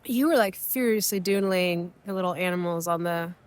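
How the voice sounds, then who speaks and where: Speaking at a normal speed, the young Mexican co-host has a fairly low, clear and resonant voice; Spanish is her native language. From an airport waiting area, her podcast talk wanders in a reflective, casual way, full of fillers and false starts.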